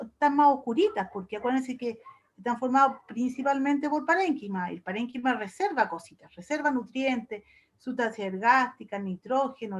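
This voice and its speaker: A woman professor giving an online workshop lecture in a chatty way, explaining with homely comparisons and little diminutives. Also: sits high. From Chile. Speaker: university professor.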